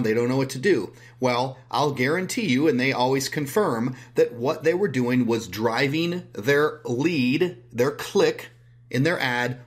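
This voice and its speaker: Guy doing a marketing tips episode, punchy, repeats stuff for emphasis, mid pitch. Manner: emphatic, repeats words for stress. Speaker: host of a business tips show. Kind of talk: online marketing tip talk.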